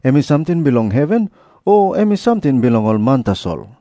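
A man's voice: medium pitch, sing-song, fast, warm tone, no room sound, clean studio sound. A man with a Papua New Guinean accent playing an authoritative teacher in an audio Bible drama. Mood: firm, challenging. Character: Jesus, an authoritative male teacher and preacher.

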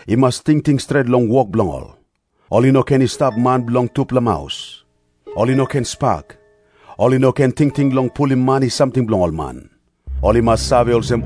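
A man reads scripture aloud in a measured style. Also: mid-range voice. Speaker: scripture reader. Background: music.

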